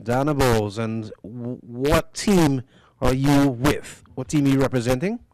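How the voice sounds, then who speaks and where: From a commentary booth, a man calls a live cricket match while interviewing a guest, chatty and teasing and fond of follow-up questions. His voice is medium in pitch and unhurried, picked up on the booth microphone against a noisy background.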